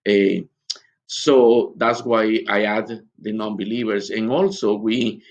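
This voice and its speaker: A man with a somewhat low voice teaches for a recorded conference video. His delivery is earnest and halting, full of pauses as he searches for words. The sound is dull and lo-fi. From Guatemala. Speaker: missionary and conference speaker.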